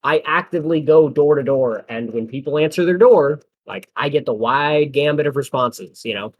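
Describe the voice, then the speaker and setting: A young Midwestern American man co-hosts a casual podcast chat, telling stories, acting out quotes in different voices, and laughing often. His voice is on the high side at a moderate pace, and the sound is lo-fi.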